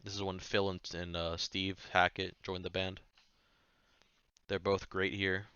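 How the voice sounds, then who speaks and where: Male music reviewer, deep smooth voice, offhand rambling chat, slightly muffled recording. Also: flat delivery, a little slow, pushed and bright, no echo. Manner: rambling, offhand, swears casually. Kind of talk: casual chat.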